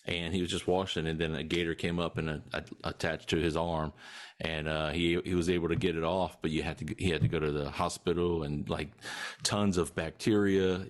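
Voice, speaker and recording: A man, chatting casually as a podcast guest in a laid-back, dryly humorous way. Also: a bass voice. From Louisiana. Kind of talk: casual chat.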